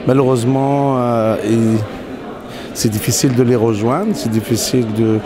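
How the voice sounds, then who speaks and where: Brief: hesitant Moroccan man in his own words, mid pitch, outdoor crowd behind. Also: fairly even intonation, normal speed. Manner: hesitant, many fillers and restarts. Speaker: interviewee, company CEO. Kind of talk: casual interview conversation. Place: outdoors in a city.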